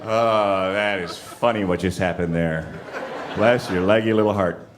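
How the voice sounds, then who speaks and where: A man's voice: low-pitched, fairly even intonation, a little slow, noisy background. A man doing a stand-up comedy set on a club stage, brash and teasing the crowd. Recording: live club, crowd laughter. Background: audience laughing.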